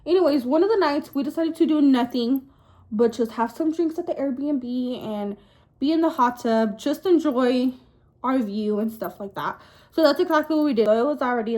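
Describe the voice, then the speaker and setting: Higher-pitched young woman dishing casual gossip. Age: young adult. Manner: gossipy, confiding, animated storytelling with girl-talk asides. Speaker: vlogger. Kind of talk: casual storytime chat to camera.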